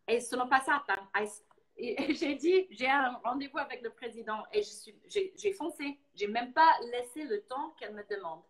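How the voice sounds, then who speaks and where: American lady from boston, english is her first language, chatty animated storytelling, slightly high voice. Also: normal speed, poor audio. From Boston, United States. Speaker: guest. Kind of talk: casual live talk.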